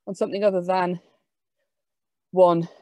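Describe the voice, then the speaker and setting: A woman giving an academic lecture, explaining lively with quick asides. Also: fairly low pitch, no room sound.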